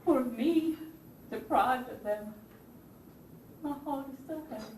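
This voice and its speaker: In an unhurried, slightly mellow, highish voice, a woman performs the proud, indignant First Lady of the Confederacy and grieving mother on stage. The mood is sorrowful, her manner theatrical, genteel and emphatic as she shifts from anguish to haughty scorn. A distant mic in an echoey theatre captures the sound with hiss.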